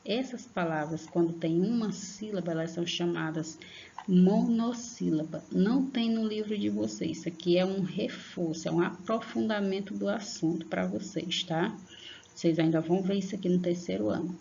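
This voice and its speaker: A woman teaching young children in an online lesson, patient and slow, stretching out example words and checking in often. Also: lowish voice, vocal fry, dark tone, dull audio, a little hiss or hum. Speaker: primary school teacher.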